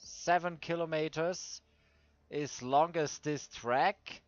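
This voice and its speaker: A man with a Swiss German accent, a native German speaker, hosting casual gameplay commentary and searching for his words in halting English. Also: a little high, no room sound. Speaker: host of a racing game video series. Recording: dull lo-fi dry microphone.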